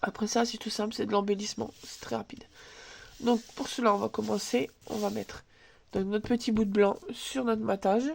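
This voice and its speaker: There's slight background noise as a crafts channel host, congested from a cold, works through a casual tutorial at her home table under an overhead camera. She speaks in a mid-range voice with flat delivery, moderate pace, and vocal fry, chatting, musing aloud, and leaning on fillers.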